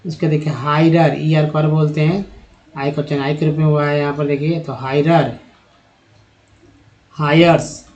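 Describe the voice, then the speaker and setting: A man's voice: on the high side, level tone, fairly quick, a little mellow, dull audio. A man with a Hindi accent teaching English reading online, reading word lists aloud one word at a time with short pronunciation notes. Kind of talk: online phonics lesson.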